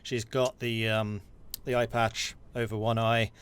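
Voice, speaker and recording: A man narrating scenes as game master in a tabletop game, in a measured storytelling manner. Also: on the low side, flat delivery, fairly bright tone, smooth.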